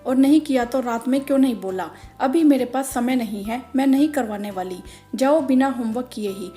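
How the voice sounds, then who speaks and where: Brief: a woman reading a rushed young housewife in a storybook, mellow voice, slightly high. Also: faint music behind, natural voice. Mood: harried. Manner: hurried, tired, apologetic. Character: busy harried young mother and wife.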